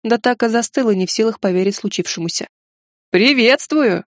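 A woman's voice: medium pitch, quick pace, darkish tone, dry recording, studio quality. A woman narrating a first-person fantasy audiobook in a wry, ironic storytelling manner.

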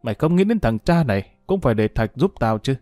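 A man's voice: mid-range voice, sing-song, fast talker, dark tone, no echo, clean studio sound, soft background music, lightly acted. A man voicing an angry, self-pitying older father, scolding and cursing. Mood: bitter.

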